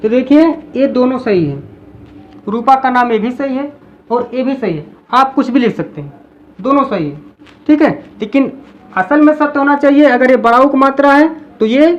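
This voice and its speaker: A woman with a high voice teaches in a patient classroom style. She repeats each example word slowly, drilling it. The recording sounds dull and lo-fi.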